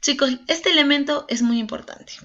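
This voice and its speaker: A woman teacher with a high, sharp voice runs an online class at a normal pace, chattering with many fillers and tag questions and seeming slightly nervous. Her audio comes through dull and lo-fi.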